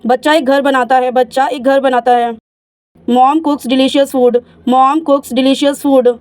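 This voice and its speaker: A woman, teaching English by reading each sentence twice, slowly in English and quickly in Hindi. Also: high-pitched, level tone, darkish tone, dry recording.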